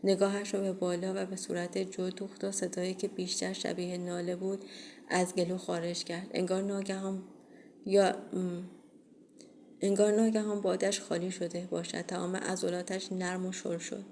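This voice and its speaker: A woman reading a first-person horror audiobook in a steady, measured way. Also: on the low side, slight background noise. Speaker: audiobook reader.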